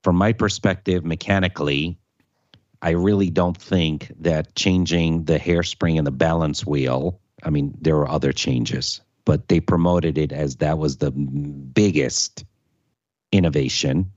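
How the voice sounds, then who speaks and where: A man with an extremely low voice talks casually as a podcast co-host. The recording is dull and dry, with no room sound. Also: steady tone, a little slow, a little mellow, dry recording. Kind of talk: casual watch chat.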